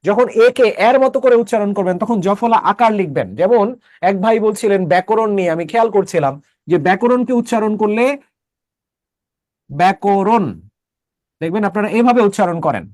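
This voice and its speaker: A man's voice: high voice, fast talker, a little mellow, no echo, studio quality. A man teaching an online class, explaining step by step and checking that students follow with short questions.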